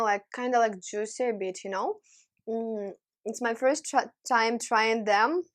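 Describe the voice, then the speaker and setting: A young woman hosting a casual food-tasting vlog, savoring each dish with appreciative hums and enthusiastic praise. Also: on the high side. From Ukraine. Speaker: vlog host.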